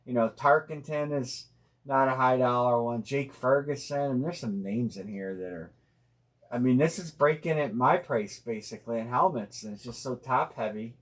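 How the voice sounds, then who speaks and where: A man hosting a live sports card break stream, talking casually and thinking out loud with plenty of fillers and restarts. He speaks bluntly and uses slang. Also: medium pitch, moderate pace. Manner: rambling, thinking aloud with many fillers and restarts.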